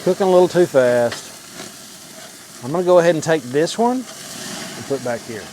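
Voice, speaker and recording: Folksy higher-pitched man over sizzling food. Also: expressive, a little slow, darkish tone. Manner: folksy, informal, talking while cooking. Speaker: host of a home cooking vlog. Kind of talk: casual cooking demonstration talk to camera. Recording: clear sizzling and frying noise. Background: food sizzling on a grill.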